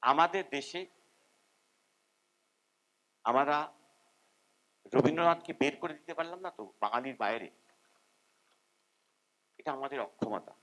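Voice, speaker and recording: An older musician gives an informal seminar talk that rambles, humming melodies now and then. His mid-range voice moves a little slowly with long pauses, while his manner stays animated and self-deprecating.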